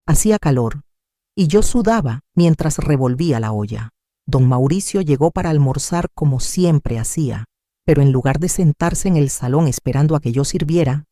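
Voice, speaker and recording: A woman tells a scripted first-person story in a slow, emotive way. Her voice is mellow and dark, and her pitch rises and falls a lot. The recording is dry, with no room sound. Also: no echo. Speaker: narrator.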